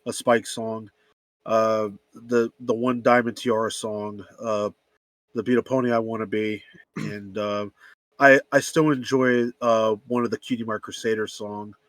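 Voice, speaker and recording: Halting young man on a panel. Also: fairly low pitch, flat delivery, a bit bright, no echo. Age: young adult. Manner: halting, searching for words. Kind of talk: casual online panel chat.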